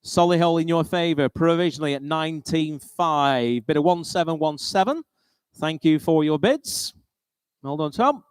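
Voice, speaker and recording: A British man runs a live auction as auctioneer, repeating bid figures in practised patter. His voice sits a little high for a man and is smooth and clear. The sound is close and dry, with no room echo. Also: moderate pace.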